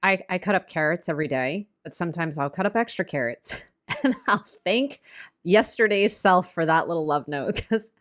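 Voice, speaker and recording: A woman co-hosting a casual diet podcast, upbeat and quick to laugh. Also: on the low side, expressive. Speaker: podcast co-host, diet coach.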